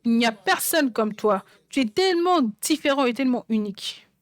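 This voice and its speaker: A woman preaches a sermon in a fairly high voice. She drives her points home by repeating phrases again and again, and the sound is dry and close. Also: lively intonation, normal speed, no echo. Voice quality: songwriter speaking of her own songs. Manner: emphatic, repeats phrases for stress.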